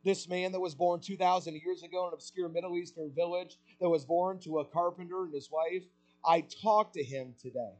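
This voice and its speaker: A man preaching a sermon with passion, asking rhetorical questions and swelling louder on key points. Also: high-pitched, steady tone, fairly quick, poor audio.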